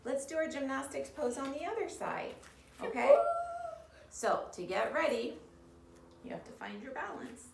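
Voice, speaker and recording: Leading a children's yoga storytime, a woman offers simple, encouraging directions to young kids. Her high, gravelly voice is animated, at normal speed with long pauses. It's recorded on a distant mic in a roomy space with faint background noise.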